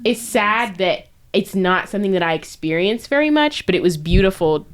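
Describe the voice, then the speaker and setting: A woman's voice: medium pitch, animated, normal speed. A woman telling a personal story on a chat podcast, earnest and reflective, with lots of "like" and "um". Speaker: podcast guest. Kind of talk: casual chat.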